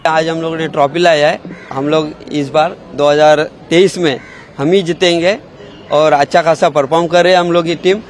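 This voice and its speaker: A man in his thirties with a fairly high voice chats eagerly into a handheld reporter mic. He is outdoors on a crowded street. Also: fairly even intonation, normal speed, a little hiss or hum. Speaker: cricket fan. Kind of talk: street interview.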